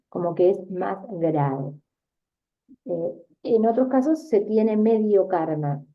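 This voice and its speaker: A woman teaching a spiritual self-help class on communication, checking in with her listeners after each point. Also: mid-range voice. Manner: repeats points with frequent "¿sí?" and "¿mm?" checks. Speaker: teacher giving a talk on communication. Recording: tinny phone-like sound.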